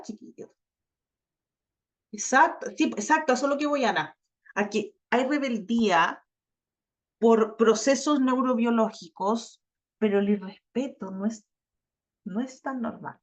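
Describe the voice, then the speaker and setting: A woman's voice: on the high side, measured pace. A woman with a Chilean accent teaching an online class, chatty and talking straight to her students. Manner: chatty, addresses students directly, acts out quoted teens. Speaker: course instructor. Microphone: video call. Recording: lo-fi muffled video-call audio.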